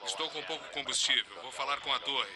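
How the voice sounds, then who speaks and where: A man's voice: medium pitch, fast talker, crowd noise. A man dubbing a rescue pilot, giving clipped, procedural calls over a cockpit headset radio. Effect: cockpit radio headset transmission. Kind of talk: dubbed radio chatter.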